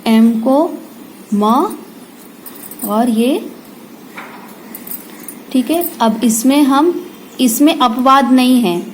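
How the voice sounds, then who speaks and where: A woman tutor, patiently teaching phonics at a slow pace, sounding out letters and repeating them. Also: high voice, a little hiss or hum, low-quality recording. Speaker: home tutor. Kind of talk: slow phonics lesson for parents and kids.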